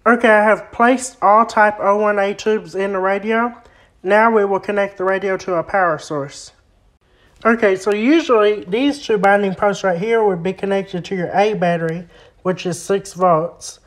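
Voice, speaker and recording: Walking through a repair by hand, this video host, a hobbyist who fixes vintage radios, lays out every step in simple terms. He has a mid-range voice and talks at a normal speed.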